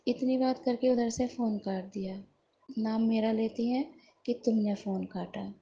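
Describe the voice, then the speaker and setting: A woman's voice: on the high side, steady tone, warm tone, highs cut off, slight background noise. A middle-aged woman earnestly telling a congregation about a family dispute, upset and worried as she recounts phone calls. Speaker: devotee sharing a personal story. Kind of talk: emotional personal account to a congregation.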